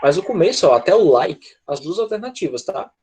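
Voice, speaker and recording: A man's voice: a little high, big pitch swings, brisk, mellow, poor audio. A man with a Brazilian Portuguese accent, teaching an English grammar class and patiently asking "tá?" and "né?" to check his students follow. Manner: patient, repeats "tá?" and "né?" to check understanding.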